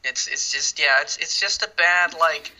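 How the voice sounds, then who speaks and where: Bright-voiced rambling man on a podcast. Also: a little high, unhurried, rough recording. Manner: rambling, drops to asides under his breath. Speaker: podcast co-host. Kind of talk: casual movie chat.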